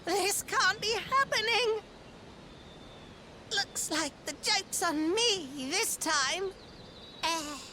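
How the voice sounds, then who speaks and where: An actor voicing a small, mischievous devil monster in a video game, shrill and cackling, with a boastful theatrical manner. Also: extremely slow, long pauses, noisy background, full character voice. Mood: defeated. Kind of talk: exaggerated video game voice acting. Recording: loud game music behind.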